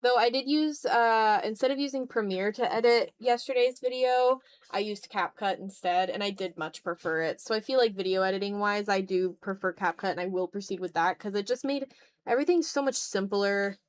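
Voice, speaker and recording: A content creator with a clear, resonant, mid-range voice talks briskly while she draws for her livestream viewers. The chat is casual, and she second-guesses and gently puts herself down as she thinks aloud.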